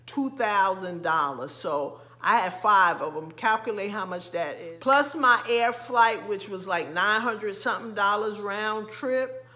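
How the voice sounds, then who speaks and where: A middle-aged woman from the United States with a slight lisp, talking casually to camera as a vlogger, halting with frequent ums and restarts. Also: medium pitch, sharp tone. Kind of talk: casual vlog talk to camera.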